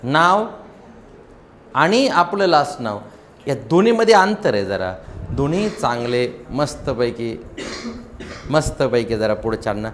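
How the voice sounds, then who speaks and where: A man teaching public speaking to a seated audience, animated and emphatic, showing how to speak loud and slow. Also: mid-range voice, a little hiss or hum. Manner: animated and emphatic, demonstrating loud and soft delivery. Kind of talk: motivational classroom lecture.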